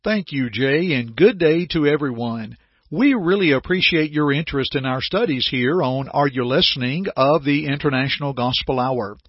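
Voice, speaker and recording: A man hosting a radio Bible study, speaking in a dense radio broadcast voice with a steady, earnest preaching delivery. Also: medium pitch, moderate pace, slightly rough, no echo. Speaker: radio Bible program host. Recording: dry, slightly dull radio studio sound.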